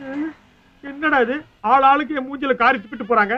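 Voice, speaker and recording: An actor playing a whiny, scheming young nephew in a film comedy, complaining in quick comic patter. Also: male voice, extremely high pitch, lo-fi sound.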